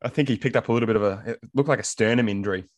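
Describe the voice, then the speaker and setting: An Australian man with a fairly low voice, recorded close and dry, talks through team selections in a casual way as a sports panellist. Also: racing, dry recording. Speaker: fantasy rugby league panellist.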